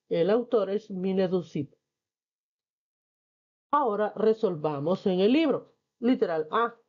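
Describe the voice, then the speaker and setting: A woman teacher reading and explaining a textbook lesson, patient and clear. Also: medium pitch, dull audio.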